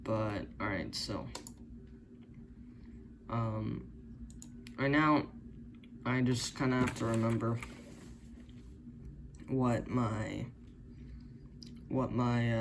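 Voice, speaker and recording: A man's voice: mid-range voice, gravelly, noisy background. A man thinking aloud, hesitant and unsure, as he tinkers with a circuit, recorded on a camera's built-in mic. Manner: hesitant, unsure, many self-corrections. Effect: camera-recorded audio. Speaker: hobbyist building circuits.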